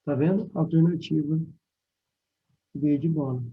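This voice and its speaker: A man teaching chemistry with a Brazilian Portuguese accent, solving exam questions and talking straight to his students, spelling formulas out slowly. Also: a little high, phone-quality sound. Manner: explanatory, addresses students directly, repeats formulas slowly. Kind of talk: exam solution lesson.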